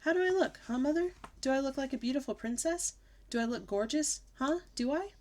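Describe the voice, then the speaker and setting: A woman reading an audiobook voices a high, bossy little girl who can hardly sit still, talking a little fast. Her pitch climbs and her volume rises as she wheedles and demands, breathless and pleading, like a storybook child who wants everything right now.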